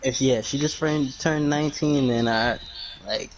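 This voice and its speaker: A man's voice: medium pitch, measured pace, dull audio, slight background noise. A man of about nineteen on a headset in game voice chat, chiming in with blunt, slangy, laid-back remarks. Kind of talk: casual chat over game voice chat.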